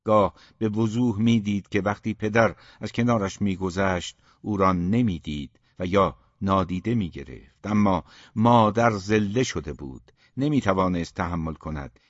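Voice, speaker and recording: Low-voiced man narrating a novel. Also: no echo. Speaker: audiobook narrator. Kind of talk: scripted literary narration. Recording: dull, muffled dry recording.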